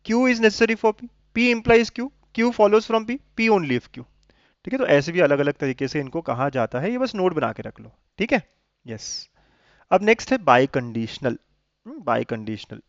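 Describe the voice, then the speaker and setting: A man with a slightly high voice teaches a maths lesson to students in a coaxing tone. He keeps checking that they follow by using tag questions. The recording is dry, dull, and lo-fi.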